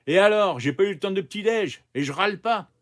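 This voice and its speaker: A man doing a loud, grumpy teenage girl. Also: high-pitched, sing-song, normal speed, voice pushed up. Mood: irritated. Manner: blunt, slangy, raised voice. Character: irritable hungry teenage girl rapper.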